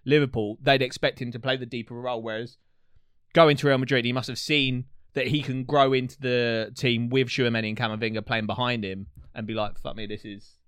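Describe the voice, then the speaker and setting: A man's voice: mid-range voice, fairly even intonation, a little fast, a bit bright, smooth, no echo, clean studio sound. A man co-hosting a casual football podcast, laid-back and agreeable, swearing casually. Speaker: podcast co-host.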